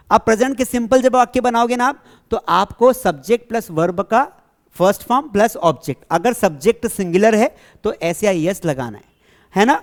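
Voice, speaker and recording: A man teaching an English grammar lesson to a class. He keeps checking that the students follow, and he asks questions and then answers them himself. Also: high-pitched. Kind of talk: classroom lesson explaining tenses.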